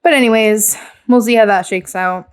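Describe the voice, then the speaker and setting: A woman's voice: medium pitch, moderate pace, clean tone. Laughing young woman recapping a show. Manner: recapping events, laughs often. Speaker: podcast co-host. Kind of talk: casual chat.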